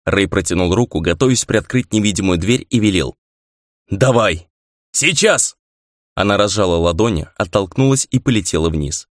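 A man with a fairly low voice reads a fantasy audiobook at a steady, measured pace, lending each scene expression. The sound is bone-dry and close, with no trace of a room. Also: no echo. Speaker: audiobook narrator. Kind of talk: audiobook narration of a fantasy novel.

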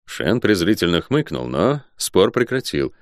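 Expressive low-voiced male narrator. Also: a little slow, no echo, clean studio sound. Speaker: audiobook narrator. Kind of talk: first-person audiobook narration.

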